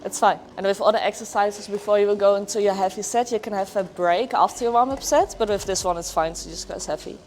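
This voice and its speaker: A woman coaches a workout in a casual, explanatory way, with a medium-pitched voice. She sounds encouraging as she gives instructions. There is some gym noise in the background. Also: quick pace, hardly any pauses, a little mellow. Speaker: bikini athlete coaching a workout. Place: indoor gym.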